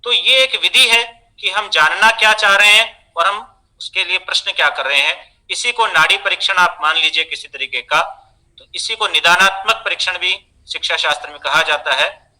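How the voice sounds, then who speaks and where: A man giving a measured, explanatory lecture on teaching pronunciation, pausing often. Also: high-pitched, bright, forceful tone, low-quality recording. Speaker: teacher trainer.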